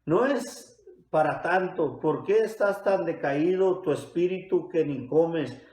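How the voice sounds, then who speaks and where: A man's voice: on the high side, animated, slow, darkish tone, reverberant. A pastor voicing a cruel, scheming queen who coaxes and mocks. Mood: mocking. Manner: coaxing and mocking.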